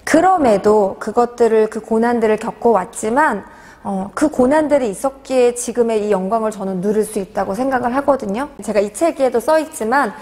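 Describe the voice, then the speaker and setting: A woman in her forties talks through her answers in an interview, earnest and halting, full of little fillers. Her voice sits a touch high, and a long reverb trails behind it in the room. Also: darkish tone. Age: 40s. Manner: earnest, hesitant with many fillers. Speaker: author being interviewed.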